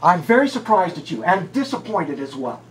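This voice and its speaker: A man's voice: sits high, sing-song, moderate pace, a crowd in the background. A man filming a town clerk with a handheld camera, arguing insistently and raising his voice over an unpaid check. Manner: combative, insistent, raises his voice. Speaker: taxpayer filming a town office. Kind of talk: heated confrontation. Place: small town hall office, indoors. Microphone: handheld camera recording.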